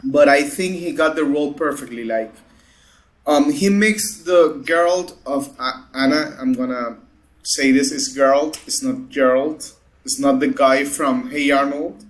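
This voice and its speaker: A man's voice: mid-range voice, measured pace. A man appearing as a podcast guest, chatting casually with friends and often stopping to restart. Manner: hesitant, full of restarts and fillers. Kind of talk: casual chat among friends.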